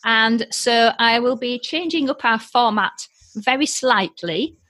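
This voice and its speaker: A woman's voice: fairly high pitch, slow, sharp tone, no echo. Enthusiastic woman hosting a podcast. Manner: enthusiastic, upbeat. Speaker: podcast host. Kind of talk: light-hearted podcast chat.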